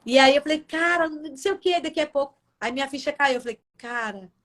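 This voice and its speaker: High-voiced Brazilian woman telling her story. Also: fast, fairly bright tone. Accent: Brazilian Portuguese. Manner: emotional storytelling, acts out her own past words. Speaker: gospel singer, interview guest. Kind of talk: casual testimony in a radio interview. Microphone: video call.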